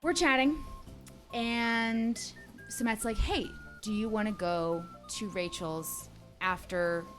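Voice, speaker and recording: A woman in her thirties recounts a story in a casual livestream chat, slipping into the voices of the people she quotes. Her voice sits at a middle pitch, with faint music in the background. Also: slow. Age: 30s. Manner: animated, acts out quoted dialogue. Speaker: streamer's girlfriend, guest.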